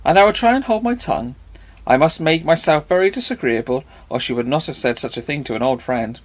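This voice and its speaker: A man's voice: a little high, expressive, a little fast, voice pushed up. A man voicing a fluttery, chatty older unmarried woman in an audiobook. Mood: flustered. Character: older spinster, chattering and eager to please.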